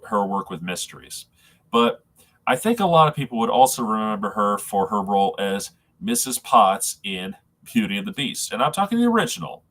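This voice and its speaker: A man with a congested, nasal sound, as if his nose were packed, talking casually and haltingly to viewers on a live stream. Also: on the low side, fairly bright tone. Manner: halting, rambling, addressing viewers as folks.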